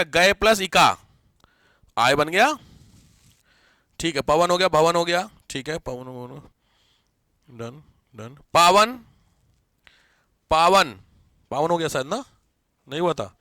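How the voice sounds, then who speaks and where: A man with a slightly high voice speaks at normal speed with long pauses while leading a lively live grammar lesson. He teases his students and regularly questions them. The recording is dry and of studio quality.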